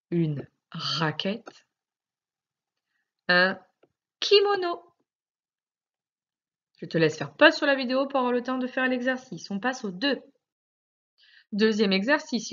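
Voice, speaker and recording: A woman teacher with a French accent, giving a recorded phonics lesson to young children, speaking slowly and articulating every word with sing-song emphasis. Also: mid-range voice, a bit bright, muffled recording. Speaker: primary school teacher.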